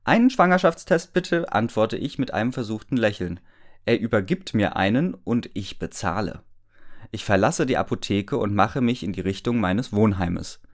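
A man's voice: on the low side, moderate pace. Amused man mocking a story as he reads. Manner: amused, laughs often, breaks off to mock the text. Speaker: reader and commentator. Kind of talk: comedic reading of a story with commentary.

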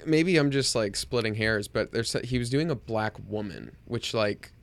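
A man's voice: on the low side, normal speed. A young man in casual podcast chat, hesitant and full of filler words.

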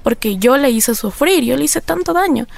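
A woman's voice: sits high, animated, moderate pace, gravelly. A woman with an Ecuadorian accent, candidly telling her personal recovery story in an interview, rambling with many fillers. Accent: Ecuadorian Spanish. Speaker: interview guest.

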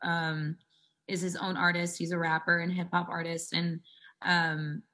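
A woman's voice: fairly low pitch, level tone, a little slow, sharp tone. A woman in her twenties, a singer telling stories in a casual interview, chatty and full of "like" fillers. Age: 20s. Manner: chatty, fills speech with "like". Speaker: singer guest.

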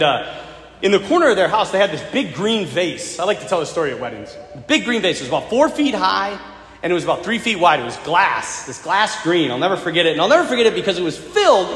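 A man, a priest, preaching a sermon in an animated way, with acted-out quotes and humor, in a church. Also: high-pitched. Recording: echoey church hall with faint ambience.

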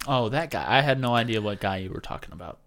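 A man's voice: mid-range voice, lively intonation, fast, fairly bright tone. A man co-hosting a podcast in casual chat, with dry, offbeat quips as he plays along. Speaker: podcast co-host.

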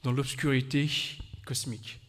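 A man preaching a sermon in short, earnest phrases, pausing for an interpreter. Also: medium pitch, flat delivery, big-room sound.

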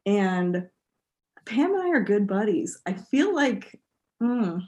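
A woman co-hosting a podcast, talking things through in a thoughtful, animated way. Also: medium pitch, slow. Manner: thoughtful, animated, many fillers. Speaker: podcast co-host. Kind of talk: casual chat.

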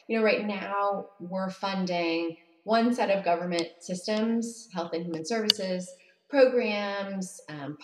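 A woman researcher answering interview questions in a thoughtful, measured, articulate way. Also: medium pitch. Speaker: guest researcher. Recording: roomy, echoey remote connection.

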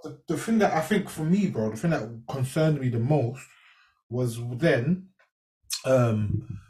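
A man with an urban London roadman accent, chatting casually in street slang and telling things in an animated way. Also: mid-range voice, unhurried, husky, poor audio.

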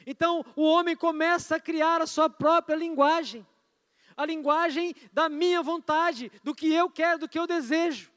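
A man's voice: very high voice, steady tone, moderate pace, fairly bright tone. A man with a Brazilian Portuguese accent preaching a sermon in a casual, conversational way, often prompting the congregation. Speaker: pastor. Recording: long church-hall reverb.

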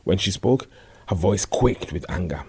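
Deep, husky male storyteller. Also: expressive, measured pace, warm tone. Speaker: narrator. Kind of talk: scripted narration.

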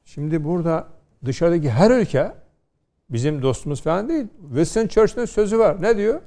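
Middle-aged law prof guy on a tv panel, gravelly, kinda dark tone, lectures w/ lots of rhetorical questions. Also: on the high side, lively intonation, brisk. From Turkey, Konya. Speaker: law scholar guest. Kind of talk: studio panel discussion.

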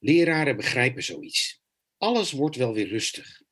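A man's voice: mid-range voice, sing-song, unhurried, a bit bright, husky, heavily acted. An actor playing an anxious, defensive male teacher and father near sixty who stammers. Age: about 60. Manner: hesitant, stammering.

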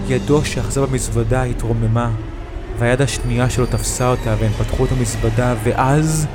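A man telling a first-person creepy story in a tense, hushed retelling. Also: medium pitch. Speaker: narrator. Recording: music bed behind the voice.

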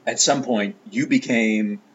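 A man's voice: medium pitch, measured pace, lo-fi sound, a little hiss or hum. A man hosting an interview, guiding his guest with brief, attentive prompts.

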